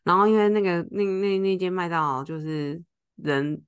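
Clear and resonant, her voice runs on the low side at normal speed. She co-hosts a podcast and, in casual chat, tells a story while animatedly performing the lines people said.

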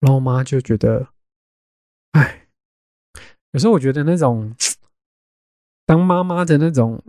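A young man hosting a podcast, telling a family story in a casual, animated way and dropping in English words. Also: mid-range voice, measured pace, no echo, clean studio sound. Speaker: podcast host.

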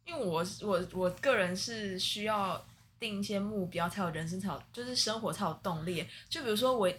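A woman's voice: mid-range voice, brisk, a bit bright, a little hiss or hum. A woman with a Taiwanese Mandarin accent, co-hosting a podcast in casual chat, prompting the guest with questions and wry remarks. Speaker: podcast co-host.

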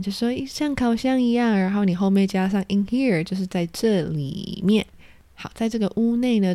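Mellow woman teaching English words. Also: medium pitch, no echo. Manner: patient, spells words letter by letter. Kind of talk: spoken vocabulary lesson.

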